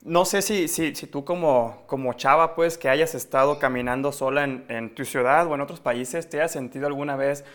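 A man co-hosting a casual chat, easygoing and quick with short agreements. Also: mid-range voice. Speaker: co-host.

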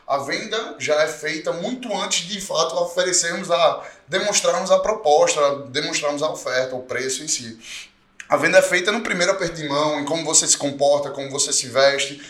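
A man with a Brazilian Portuguese accent in a casual podcast discussion. He speaks in a measured way, laying out his points one by one. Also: a little high, a bit bright. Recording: roomy echo.

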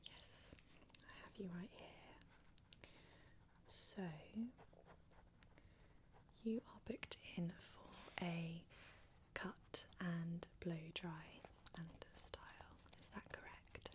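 A woman whispering softly and reassuringly as a hairdresser in an ASMR roleplay, talking close to the mic. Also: fairly low pitch, fairly even intonation. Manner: soft, unhurried, reassuring with many fillers. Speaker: ASMR creator playing a hairdresser.

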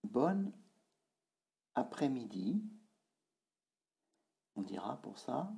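A man giving a spoken language lesson, slowly repeating words and drilling their tones. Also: mid-range voice, sing-song, vocal fry, mellow. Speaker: language teacher.

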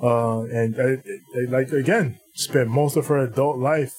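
A man's voice: medium pitch, steady tone, unhurried, a little mellow. A man co-hosting a podcast, chatting informally through news with repeated phrases and some swearing. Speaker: podcast co-host. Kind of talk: casual wrestling news chat.

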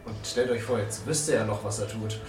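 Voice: mid-range voice, fairly quick. A player at a tabletop game, cracking dry jokes. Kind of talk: casual game chat. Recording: roomy, distant mic with clear music behind.

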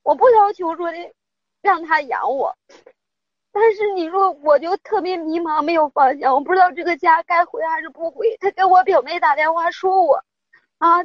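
Middle-aged woman caller, high voice, rambling and distressed, dry dull lo-fi line. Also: dry recording. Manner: rambling, upset storytelling. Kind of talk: phone-in advice call.

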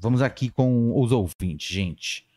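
Brazilian male podcast host, playful live-chat banter, very lively pitch. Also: slow. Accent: Brazilian Portuguese. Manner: animated, playful, jumps in pitch when reading names. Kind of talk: casual livestream chat.

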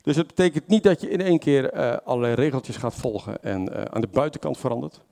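Man, lay preacher, informal sermon, chatty and hesitant, mid-pitched. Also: animated, fast talker, creaky, warm tone. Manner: conversational, many fillers and self-corrections, asks the congregation questions.

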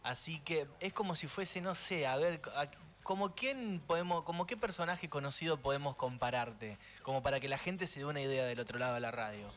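A man's voice: on the high side, brisk, a bit bright. A man in his twenties with an Argentine Spanish accent, hosting a radio show in a friendly, easygoing way with curious questions. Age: 20s. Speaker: radio host. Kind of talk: casual radio chat.

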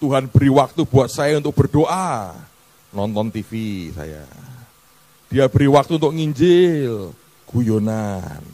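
A man preaching. His casual sermon rises into loud, sung-out peaks and drops to quiet low asides as he talks straight to his listeners. His pitch sits in an ordinary middle range for a man. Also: big pitch swings, slow pace. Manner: casual colloquial preaching that keeps calling out "saudara". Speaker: pastor.

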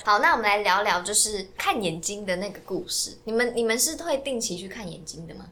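Brief: woman, fast joking co-host. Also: medium pitch, expressive, bright, forceful tone. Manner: joking interjections, teasing. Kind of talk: casual chat.

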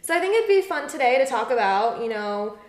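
A woman's voice: a little high, big pitch swings, brisk. A young woman co-hosting a podcast in casual chat, giggling and repeating phrases as she talks. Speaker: podcast co-host. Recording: echoey room.

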